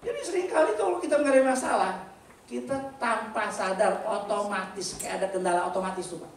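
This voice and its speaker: A male pastor giving an animated sermon, with rhetorical questions, loud emphatic peaks and casual slangy asides to the congregation. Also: high voice, fairly quick, slight background noise. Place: church hall. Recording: echoey church hall from a distant mic.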